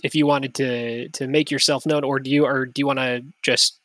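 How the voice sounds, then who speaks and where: A relaxed game master who narrates and lists shop items in a loose, chatty way. The sound is close and dry, at a middle pitch. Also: moderate pace, dry recording. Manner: casual, many fillers and restarts, lists items. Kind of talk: tabletop game narration and chat.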